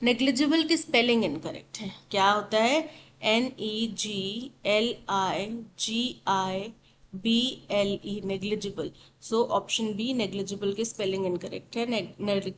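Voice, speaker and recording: A woman teaching an English exam-prep lesson, explaining in Hindi and reading English sentences slowly and spelling words out letter by letter. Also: mid-range voice, slight background noise, rough recording.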